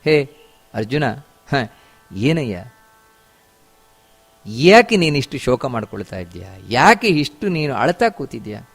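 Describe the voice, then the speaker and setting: A man voicing a calm, wise god gently chiding a grieving warrior, his tone lowered and soft as he asks questions. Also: a little slow, long pauses, big-room sound, exaggerated voice.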